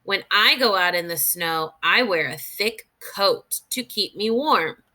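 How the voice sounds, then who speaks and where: A teacher with a medium-pitched voice reads nonfiction to children with care and expression. She stops now and then to share her thinking with the young listeners.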